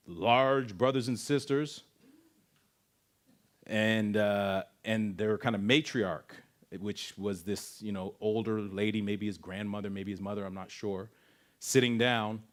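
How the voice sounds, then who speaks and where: A man from Canada, speaking at a camp and telling a personal story in an animated way, acting out voices and sound effects. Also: on the low side, slow, long pauses. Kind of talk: storytelling testimony talk.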